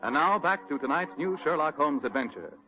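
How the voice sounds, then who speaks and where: A man's voice: a little high, expressive, fairly quick, over loud music. Formal male radio announcer. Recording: thin phone-like old radio recording.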